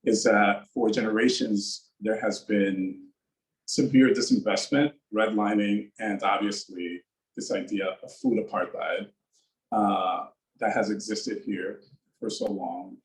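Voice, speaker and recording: A man from the Bronx giving an earnest, measured panel introduction as a farm founder. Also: lowish voice, fairly even intonation. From the Bronx, New York. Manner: measured, earnest, with pauses and fillers. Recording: roomy echo.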